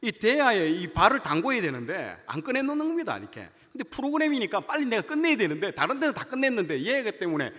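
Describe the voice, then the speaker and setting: Lively high-voiced man preaching. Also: quick pace, few pauses. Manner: animated storytelling, acts out dialogue. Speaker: junior pastor. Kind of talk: sermon with personal story. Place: church sanctuary. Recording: church hall reverb.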